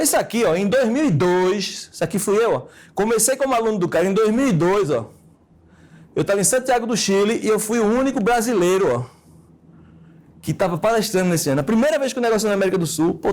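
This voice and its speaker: A man's voice: high-pitched, darkish tone. A man, teaching an orthodontics course in a brash, joking, slangy and emphatic way. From Recife, Brazil. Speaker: orthodontics lecturer. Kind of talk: casual lecture with anecdotes.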